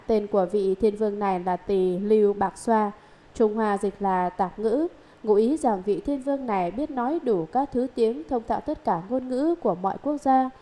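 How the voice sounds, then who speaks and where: A woman giving a steady, measured scripted reading of a Buddhist sutra commentary. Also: mid-range voice.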